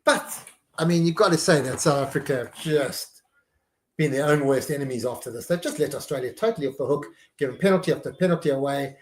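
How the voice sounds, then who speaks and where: A man's voice: a little high, fast, reverberant, a little hiss or hum. A man hosting a live stream, giving casual running commentary on a match and reacting to each play.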